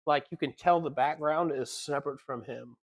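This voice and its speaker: Rambling, animated podcast co-host. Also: medium pitch, normal speed. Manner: rambling, animated storytelling with quoted voices. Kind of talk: casual chat.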